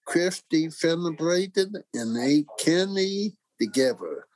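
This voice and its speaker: A narrator and host reading a scripted children's story and facts in a theatrical, deliberate way. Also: mid-range voice, lively intonation, darkish tone, rough recording.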